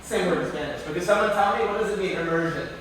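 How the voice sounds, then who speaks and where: Quick and high-pitched with a fairly bright tone, the guest speaker from near New York City rambles through his university class talk, quizzing students, stumbling over fillers and correcting himself. Echo, a far mic and faint noise mark the recording.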